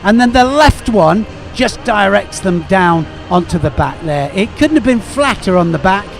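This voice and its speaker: A man giving expert co-commentary in live sport, eager and halting with lots of fillers. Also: high-pitched, lively intonation, soft background music.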